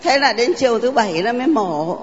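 An older woman tells her story before the congregation, pausing often and filling gaps with hesitant sounds. Her voice rings with a long church reverb, and the recording is muffled and dull. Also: on the high side, lively intonation. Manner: halting, heartfelt storytelling with many fillers. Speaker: parishioner giving testimony. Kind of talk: personal testimony in church.

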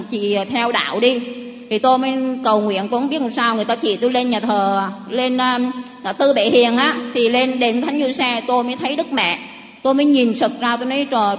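A woman's voice: a little high, fairly bright tone, big-room sound, lo-fi sound. A middle-aged woman with a Southern Vietnamese accent giving a personal faith testimony to a congregation, rambling and repeating herself with many restarts.

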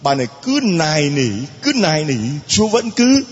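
A man's voice: high-pitched, very animated, normal speed, slightly rough, in a large hall, dull audio. A male priest preaching a sermon to a congregation, emphatic and dramatic, with heavy repetition. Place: church.

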